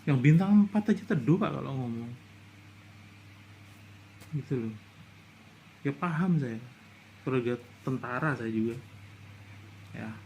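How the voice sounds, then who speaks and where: A man's voice: mid-range voice, unhurried, vocal fry, long pauses, a little mellow, slight background noise. A middle-aged man from Indonesia giving a casual commentary monologue, indignant and lecturing, his voice rising into outbursts. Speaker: vlogger.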